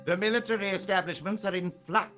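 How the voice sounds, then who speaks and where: A clipped military plotter. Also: male voice, high-pitched, fast, pushed and bright, dull audio, faint music behind. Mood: briefing. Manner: clipped, formal briefing. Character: military conspirator giving a report.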